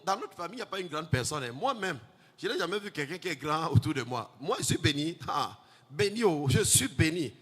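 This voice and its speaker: A man's voice: a little high, big pitch swings, fairly quick, breathy edge. Sing-song preaching man, echoing church hall. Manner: chanting, sing-song preaching that swells to shouts. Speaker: pastor. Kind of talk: sermon. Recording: long hall reverb, faint music.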